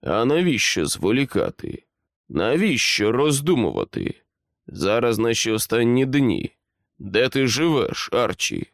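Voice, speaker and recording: A man reading aloud, playing a stern middle-aged general who talks in a clipped, commanding, measured way. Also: mid-range voice, big pitch swings, creaky, no echo, clean studio sound. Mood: menacing.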